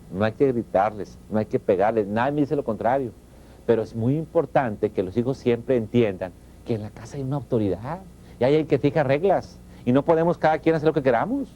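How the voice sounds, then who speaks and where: Mexican male lecturer, middle-aged, dark mellow tone, emphatic, asks rhetorical questions. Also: on the high side. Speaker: professor giving a talk. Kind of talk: motivational talk on family values. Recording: dull lo-fi recording.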